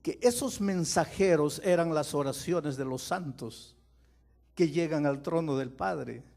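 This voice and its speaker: A man, a pastor, preaching a dramatic sermon, moving from quiet storytelling to loud impassioned pleading and putting questions straight to his listeners. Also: fairly high pitch, lively intonation, measured pace, creaky. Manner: speaks to listeners directly with questions.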